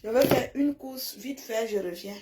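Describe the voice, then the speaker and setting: In a mellow, fairly high voice at normal speed, a woman from village roots in francophone Africa chats on a live stream, answering viewer comments. She's blunt and scolding, emphatic, and tends to repeat herself.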